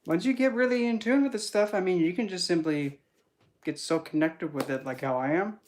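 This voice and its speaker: Talking a little fast at a medium pitch, a spiritual teacher gives a casual talk on esoteric teachings. The style is rambling, animated and chatty.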